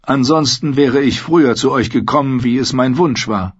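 A rueful, courteous nobleman speaks formally and with measure in a raised voice, as a male reader puts him on. The tone is husky. The recording is dull and lo-fi. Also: mid-range voice, moderate pace, pitched above the performer's own voice, natural voice. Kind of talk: audiobook character voice.

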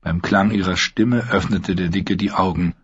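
Male audiobook narrator, low voice, husky, steady measured reading, dull lo-fi sound. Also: no echo. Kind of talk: scripted narration.

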